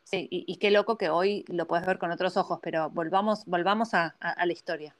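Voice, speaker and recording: A woman's voice: on the low side, fairly even intonation, fairly quick. A woman with an Argentine Spanish accent hosting a casual interview, chatty and fond of tag questions and English words. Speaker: podcast host.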